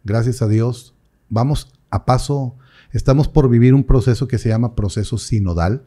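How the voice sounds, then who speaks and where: A young adult priest chats casually in an interview. His voice is mellow and warm, pitched in a middle range, and he tells stories with lively quoted voices. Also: normal speed. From Mexico. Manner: animated storyteller, acts out quoted voices.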